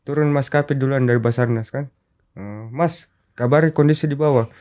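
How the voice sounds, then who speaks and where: A male rescue volunteer with a medium-pitched voice, speaking at normal speed, recounts a mountain rescue during a casual interview. He is an animated storyteller who acts out the quoted dialogue as he goes.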